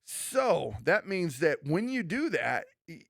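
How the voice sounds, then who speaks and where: A man's voice: on the high side, big pitch swings, slow, gravelly, a bit bright, no room sound, clean studio sound. A man who is a pastor, co-hosting a church podcast in an earnest, conversational way, often restarting and acting out quoted remarks. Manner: earnest, preachy, many restarts and quoted asides.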